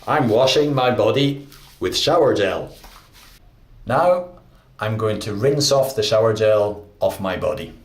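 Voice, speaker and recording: Male English teacher, slow and deliberate, somewhat low voice, roomy recording. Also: lively intonation. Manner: clear, deliberate teaching delivery. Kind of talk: slow, simple narration of daily actions.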